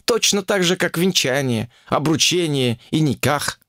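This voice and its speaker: A stubborn young graduate student argues in a high, shrill, exasperated voice, as a male audiobook reader puts her on. The voice swings widely in pitch. The recording is dry and close. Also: animated, measured pace, fairly bright tone, no echo. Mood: indignant.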